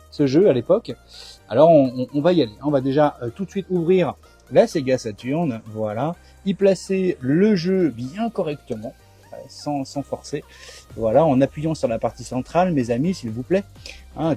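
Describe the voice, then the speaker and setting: Chatty man with a mellow, husky voice. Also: mid-range voice. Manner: chatty, hesitant with many fillers and restarts. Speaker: retro gaming video host. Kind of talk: casual talk to camera while unboxing.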